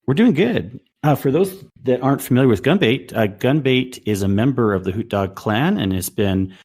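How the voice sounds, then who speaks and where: A man's voice: mid-range voice, animated, normal speed, darkish tone, slightly rough. A man hosting a casual gaming podcast over a voice call, upbeat and laughing often as he talks. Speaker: podcast host. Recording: voice call over chat app.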